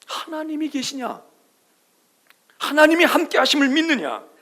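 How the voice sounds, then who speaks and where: A middle-aged male pastor preaching a sermon, swinging between loud calls and hushed whispers and acting out soothing quoted voices. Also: very high voice, sing-song, normal speed. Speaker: senior pastor.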